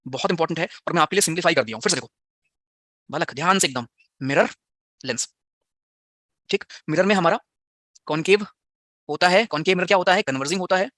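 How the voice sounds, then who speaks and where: A man's voice: a little high, fast, pauses often, pushed and bright, no echo, studio quality. A slightly unwell man teaching a physics class online, firing rhetorical questions at his students and mixing English into his talk.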